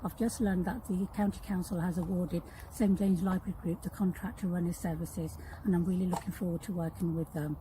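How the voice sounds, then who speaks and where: A woman councillor delivering a short, clear public message to camera outdoors. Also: on the low side, steady tone, brisk, hardly any pauses. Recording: clip with traffic noise.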